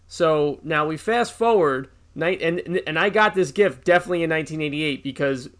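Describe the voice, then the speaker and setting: A man in his thirties co-hosting a podcast, telling casual, animated and profane stories with acted-out quotes. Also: fairly high pitch, normal speed. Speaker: podcast co-host. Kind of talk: casual storytelling chat.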